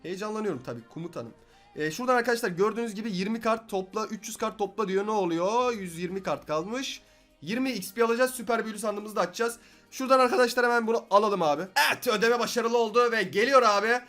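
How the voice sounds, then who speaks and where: Excitable high-voiced young man, rapid-fire. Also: faint music behind. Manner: excitable, swings from shouting to muttering. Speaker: gaming YouTuber. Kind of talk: excited gameplay commentary.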